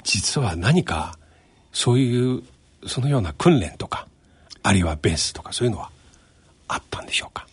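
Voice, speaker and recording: A male radio host in a studio, heaping praise on his guest and laughing easily. His voice is deeply raspy and swings widely in pitch. It sits on the low side. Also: moderate pace, long pauses. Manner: effusive, flattering, laughs often. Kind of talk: radio interview.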